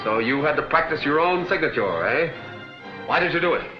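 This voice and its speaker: A commanding masked crime-fighter, played by a man, barks quick, clipped orders. The 1940s serial soundtrack is dull and roomy, with music swelling behind him. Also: fairly high pitch, animated, lightly acted. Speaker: masked hero. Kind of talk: 1940s film serial acting.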